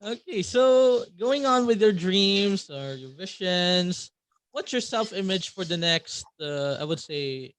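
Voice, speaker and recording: A man hosting a podcast, asking interview questions in a measured way. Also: high-pitched, expressive, fairly bright tone, no room sound. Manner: slow, measured, with short laughs and backchannels. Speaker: podcast host.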